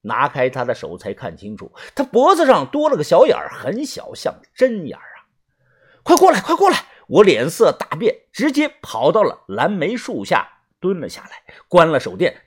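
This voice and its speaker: Husky man telling a suspense story. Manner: tense, suspenseful storytelling with strong pitch swings. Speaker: narrator. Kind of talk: audiobook narration.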